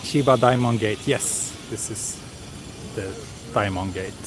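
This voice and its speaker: Speaking slowly in a lowish voice, a man walks a city street during a casual live-stream, reading viewer comments aloud with plenty of hesitant fillers. The audio comes from a small recorder mic with a wind cover on his handheld camera, so city street noise surrounds him.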